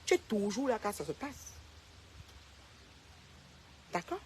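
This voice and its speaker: A woman's voice: medium pitch, very animated, slow pace, a little mellow, a little hiss or hum. A woman ranting straight to the camera, calling out a rival by name and repeating her points with confrontational emphasis. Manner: confrontational, addresses a rival directly and repeats herself. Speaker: social media personality. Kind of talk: direct-to-camera rant.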